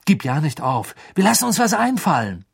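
A male audiobook narrator voicing a loyal, excitable teenage schoolboy who talks quickly and eagerly. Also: fairly high pitch, creaky, breathy edge, pitched above the performer's own voice, heavily acted. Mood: encouraging. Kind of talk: audiobook character voice.

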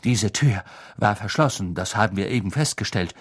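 A man's voice: fairly low pitch, lively intonation, normal speed, breathy edge, no room sound. A man reading an audiobook, voicing a flustered, fretful middle-aged male official.

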